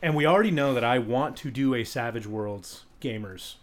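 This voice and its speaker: A man's voice: mid-range voice, lively intonation, normal speed. A man co-hosting a podcast in casual chat, rambling and joking with many restarts. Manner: rambling, jokey, lots of restarts. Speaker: podcast co-host.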